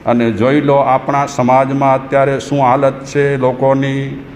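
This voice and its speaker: A man's voice: medium pitch, level tone, unhurried. A man, a Jain monk, giving a sermon in a conversational, humorous way and chanting verses in between. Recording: echoey hall with faint noise.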